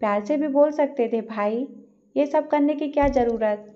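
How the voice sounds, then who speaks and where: A man's voice: extremely high pitch, normal speed. A woman voicing a grumbling male shopkeeper. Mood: meek. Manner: grumbling, pleading excuses. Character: nervous middle-aged male shopkeeper, grumbling then meek. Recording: dull lo-fi recording.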